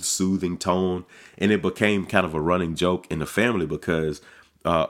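Middle-aged man, pastor, very low voice, casual podcast talk, stammering restarts. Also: a bit bright. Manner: conversational, repeats words when starting sentences.

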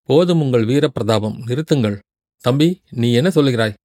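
Audiobook: man playing a commanding middle-aged male commander, gruff but coaxing, dry close mic. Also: mid-range voice, moderate pace, dry recording, close to an everyday voice. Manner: commanding, alternating between scolding and calm. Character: stern middle-aged male fort commander, quick-tempered yet coaxing.

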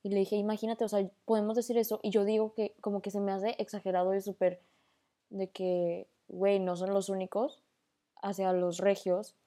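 A chatty young woman with a northern Mexican accent talks through a casual voice-memo podcast. She rambles freely, slips English slang into her sentences, and her voice sits mellow and warm at a middle pitch. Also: flat delivery, normal speed. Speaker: podcast host.

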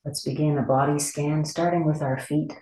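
A meditation teacher with a medium-pitched voice leads a body scan, speaking gently and without hurry. Short instructions are separated by long pauses, and the intonation stays fairly even. The room is echoey, and the recording picks up that echo clearly.

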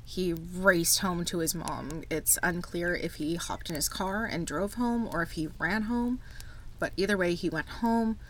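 A woman's voice: lowish voice, unhurried, fairly bright tone, slight background noise. A woman hosting a true crime podcast, narrating a script in a storytelling manner with casual asides.

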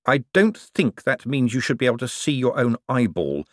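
A man voices a quick-witted rogue turned official, dry and wry. The voice stays close to the narrator's own, with an animated rise and fall. It sounds close and dry. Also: mid-range voice, dry recording, voice pushed up, lightly acted.

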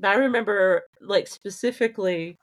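A woman's voice: mid-range voice, normal speed. Woman with an Appalachian accent, chatting casually. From Eastern Kentucky, United States. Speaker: host leading family conversation. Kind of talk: casual family chat.

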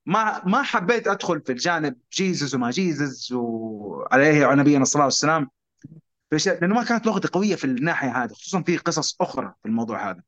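Telling his story in rapid-fire fashion, a Saudi man appearing as a guest speaks casually and animatedly, voicing quoted characters with sudden pitch leaps and blending English words into Arabic. The recording sounds dull and lo-fi.

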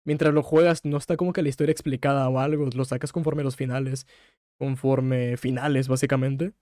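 A man's voice: mid-range voice, flat delivery, fairly quick, warm tone, no echo, studio quality. A young Mexican man hosting a casual solo podcast, retelling a story with emotion and some swearing. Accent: Mexican Spanish. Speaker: podcast host.

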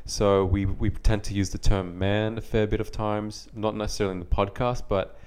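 An Australian man co-hosts a casual podcast, chatting in a friendly, reflective, easygoing storytelling style. His voice is lowish, a little mellow and clean, with little pitch movement and a moderate pace.

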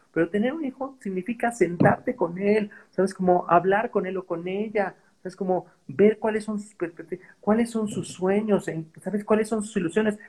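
Husky-voiced Mexican man telling stories. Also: sits high, darkish tone, rough recording. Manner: profane, slangy, peppers speech with "¿sabes?". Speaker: podcast guest. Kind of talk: casual conversational storytelling.

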